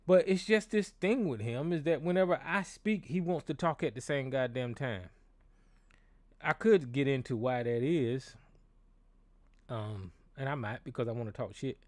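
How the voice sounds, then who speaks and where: Slightly high-voiced and recorded dry, a male call-in host delivers a casual monologue. He talks bluntly, curses a lot, and keeps restarting his sentences, all through a desk microphone and board.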